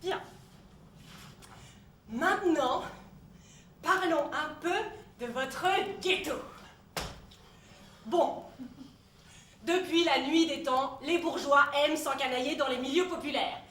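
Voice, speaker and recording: A haughty Marianne, the Republic in person, lectures her citizens with biting condescension, played by a woman. The voice sits high and is heard from a distance in a roomy, echoing space. Faint noise hums underneath. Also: slow, long pauses, fairly bright tone. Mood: mocking. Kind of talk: comedy sketch.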